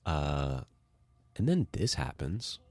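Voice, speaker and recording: A man narrating a casual video essay, excitable and swearing freely as he gushes. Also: a bass voice, slow, dry recording. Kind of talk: casual enthusiastic commentary.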